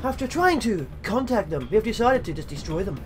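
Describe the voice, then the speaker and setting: A man's voice: high-pitched, sing-song. A man doing a pompous starship captain. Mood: solemn. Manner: grave, slow, dramatic log-reading delivery.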